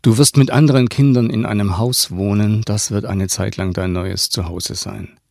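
A man's voice: on the low side, steady tone, moderate pace, vocal fry, a little mellow, no echo, clean studio sound. A man reading aloud and voicing a cold, stern woman who takes a child away and speaks in curt commands.

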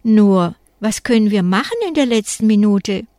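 A woman reading a children's story aloud, voicing a calm, uncertain male music teacher in her own voice. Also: mid-range voice, normal speed, no echo, clean studio sound, close to an everyday voice.

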